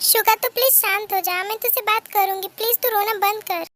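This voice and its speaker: A woman's voice: very high-pitched, fairly even intonation, a little fast, pushed and bright. A woman voicing a hurt but caring young woman, reproachful and consoling.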